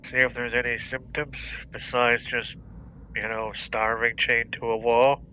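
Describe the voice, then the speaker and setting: A man's voice: medium pitch, flat delivery, a little slow, bright, forceful tone, slight background noise, low-quality recording. A man playing a tabletop game, speaking in a matter-of-fact way. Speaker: player.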